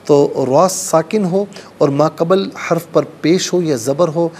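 A man teaching Quran recitation, explaining pronunciation rules and chanting the verses slowly. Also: a little high, darkish tone, slight background noise. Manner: slow melodic recitation between explanations. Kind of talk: recitation lesson.

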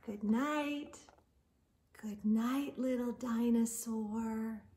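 A woman in her forties, her high voice unhurried, reads aloud to young children with the animated, drawn-out emphasis of a picture-book storyteller. She's in a small indoor room lined with bookshelves. A little hiss or hum sits under the recording.

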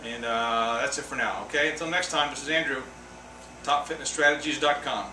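A man's voice: medium pitch, steady tone, brisk, pushed and bright, far from the mic, slight background noise. A middle-aged man giving a casual, rambling tour of his basement home gym, moving around the room as he talks. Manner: chatty, rambling, moves around the room while talking. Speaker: fitness vlogger. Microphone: camera mic from across the room. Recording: echoey basement, voice from off mic.

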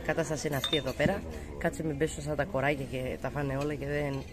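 A woman's voice: sits low, little pitch movement, crowd noise. A woman in her late thirties, chatting casually and teasingly to her viewers while vlogging with her family at home and out at a tavern. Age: late 30s. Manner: chatty, talks straight to viewers, teasing asides. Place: home and outdoor tavern at night.

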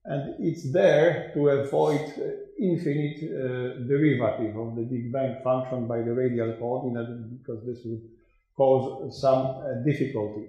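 Older male lecturer, slow and halting, mellow voice, very echoey lecture hall. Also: mid-range voice, fairly even intonation. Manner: slow and hesitant, many fillers and restarts. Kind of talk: academic conference lecture. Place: dark lecture room with a projector. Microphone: room microphone.

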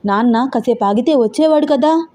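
A woman's voice: sits high, moderate pace, mellow, lightly acted. A woman voicing an anxious, protective mother who frets and scolds her daughters in an audio story. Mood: worried. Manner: worried, calling and scolding.

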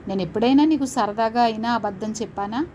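A woman voicing a loving young husband who speaks gently and reassuringly in a storybook tale. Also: a little high, quick pace, slight background noise, natural voice. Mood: coaxing. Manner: gentle, coaxing.

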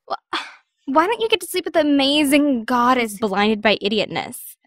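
A woman plays a sarcastic, impatient young girl in an audio drama, sassy and exasperated. Her high, very animated voice has a fairly bright tone at a moderate pace, recorded in clean studio sound with no room sound.

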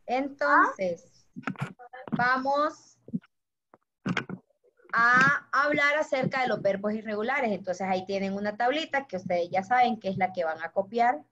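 A woman's voice: a little high, animated, unhurried, pauses often, sharp tone, a little hiss or hum. A woman teaching a class to children, patient and affectionate, walking them through a table of verbs. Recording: dull lo-fi audio.

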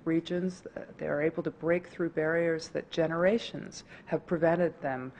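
A woman speaking in a documentary interview, earnest and deliberate. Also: low-pitched, steady tone, darkish tone, slight background noise.

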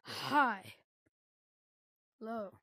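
A woman with a high, light voice gives casual, excitable gameplay commentary, full of slang as she explores a new game. The sound is close and dry, like a headset mic with no room around it. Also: extremely slow, no echo. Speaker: gaming video creator.

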